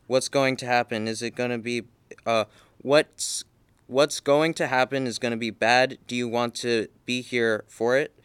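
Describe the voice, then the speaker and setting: A man's voice: mid-range voice, steady tone, unhurried, fairly bright tone, clean tone, no room sound, lightly acted. A man reading aloud, voicing a stern, practical young mother warning her sister-in-law.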